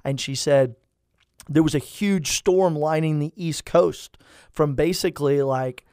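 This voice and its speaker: A man in his thirties, a priest, telling stories in a lively, animated chat and acting out the people he quotes. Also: a little high, unhurried, clear, resonant tone, no echo, studio quality. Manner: animated storyteller, acts out quoted voices. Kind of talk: storytelling in casual chat.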